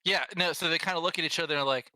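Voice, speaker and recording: A man narrating an improvised tabletop game as game master, halting and conversational. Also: a little high, sharp tone, clear, resonant tone, dry recording, rough recording.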